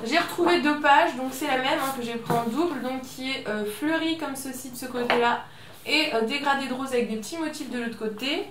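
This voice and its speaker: A woman's voice: sits high, brisk, far from the mic. A woman chatting casually through a scrapbooking haul video, chatty and self-mocking, with many little fillers. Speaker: scrapbooking vlogger. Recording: echoey room, voice a bit off-mic, faint noise.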